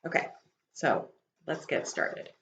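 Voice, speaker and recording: Reading slowly in a fairly bright tone, a woman teacher shares a book with her class, stepping aside to explain and to ask her listeners questions. There is a roomy echo and faint background noise.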